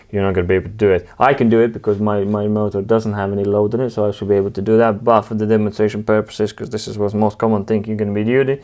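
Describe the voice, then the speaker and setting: Low-voiced man explaining drive setup. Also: a little mellow. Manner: halting, many fillers and restarts, informal. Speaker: channel host demonstrating equipment. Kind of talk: casual technical demonstration.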